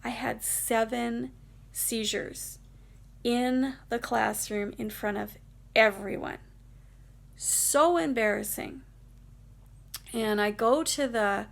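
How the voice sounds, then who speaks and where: A woman's voice: fairly high pitch, steady tone, measured pace, creaky, long pauses. A woman vlogger telling a personal story in a casual, rambling, emotional way, with many fillers.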